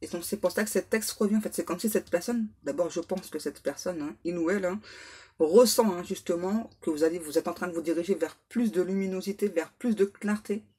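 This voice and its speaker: A woman giving a spoken card reading as a medium, repeating herself with many fillers and clearing her throat often. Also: on the low side, brisk, dark tone. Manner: repetitive, filler-heavy, insistent. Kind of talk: spoken tarot guidance to viewers.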